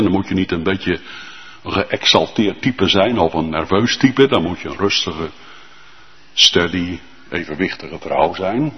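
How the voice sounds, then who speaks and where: A male pastor preaching a sermon with fervent emphasis and drawn-out, emphatic lists. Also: low voice, long reverb tail, muffled recording.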